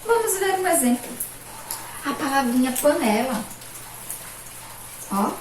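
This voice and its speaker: A woman's voice: sits high, very animated, recorded from a distance, slight background noise. Cheerful teacher woman, echoey room. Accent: Brazilian Portuguese. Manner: cheerful, sing-song questions to pupils, slow stressed syllables. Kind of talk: remote video lesson for children.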